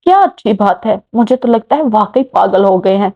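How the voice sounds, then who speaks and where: A woman's voice: mid-range voice, lively intonation, moderate pace. A woman voicing a bold young woman who gets flustered, in a romance story. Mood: exasperated. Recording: muffled lo-fi recording.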